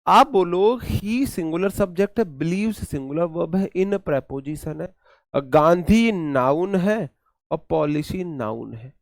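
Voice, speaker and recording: A man's voice: a little high, a little mellow, no echo, clean studio sound. A man with an Indian accent teaching an exam-prep English grammar lesson, repeating key points and quizzing his students.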